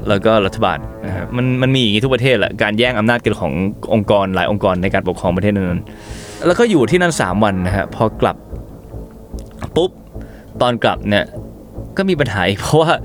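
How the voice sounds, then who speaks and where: A man telling travel stories as an interview guest, animated and casual, acting out what people said. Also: fairly low pitch, a little fast, faint music behind. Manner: animated, acts out quotes, swears casually. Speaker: travel content creator guest.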